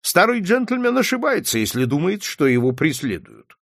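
A man's voice: high-pitched, sing-song, moderate pace, dry recording, studio quality, voice pushed up, exaggerated voice. A man voicing a young male assistant who reports matter-of-factly to his boss, in an audiobook reading.

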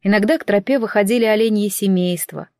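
A woman narrating a fantasy novel in the first person in an even storytelling manner. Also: mid-range voice, quick pace, dry recording, studio quality. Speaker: audiobook narrator.

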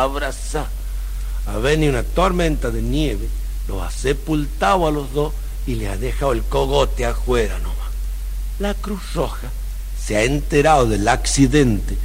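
A man telling a long joke story, animated and now and then shouting. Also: medium pitch, breathy edge. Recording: roomy reverb, faint noise.

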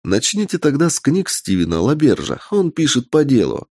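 Мужчина в роли юной ведьмочки. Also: male voice, mid-range voice, very animated, normal speed, darkish tone, slightly rough, dry recording, clean studio sound, pitched above the performer's own voice. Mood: curious. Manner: curious, then easily frightened. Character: young nervous witch girl.

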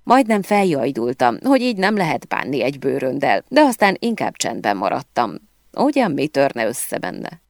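A woman narrating a first-person novel aloud in an expressive storytelling manner. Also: extremely low pitch, no room sound, studio quality. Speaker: audiobook narrator.

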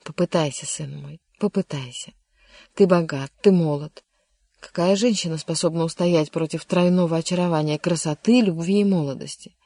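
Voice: medium pitch, normal speed, no echo, close to an everyday voice. A reader voicing a kindly but insistent older king in an audiobook, coaxing and at times vexed. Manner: warm, coaxing, sometimes vexed. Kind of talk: audiobook character reading.

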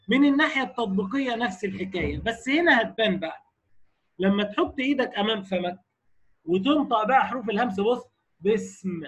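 A man with an Egyptian Arabic accent teaching Quran recitation rules to a class. He keeps asking the class quick questions and sounds out his examples slowly. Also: sits high, breathy edge, poor audio. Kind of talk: recorded lecture on recitation rules.

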